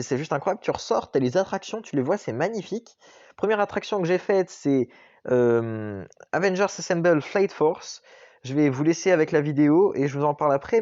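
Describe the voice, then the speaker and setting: A man's voice: fairly high pitch, a little mellow, dry recording. A young man doing a casual, enthusiastic vlog voice-over, with frequent hesitations. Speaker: vlogger. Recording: dull lo-fi dry recording.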